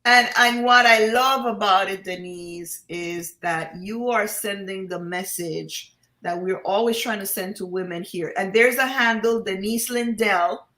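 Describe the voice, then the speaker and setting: Woman host, encouraging, bright sharp voice, keeps things moving. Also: medium pitch. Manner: encouraging, quick affirmations. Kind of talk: casual online panel talk.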